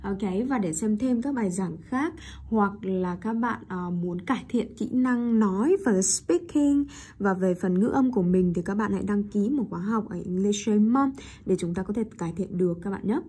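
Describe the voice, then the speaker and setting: A woman's voice: medium pitch, expressive, normal speed, warm tone, husky. A woman English teacher giving a bilingual classroom lesson on intonation, checking in with her listeners and correcting herself as she goes. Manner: keeps checking in with listeners, repeats rhetorical tag questions; mixes in short English words and self-corrections.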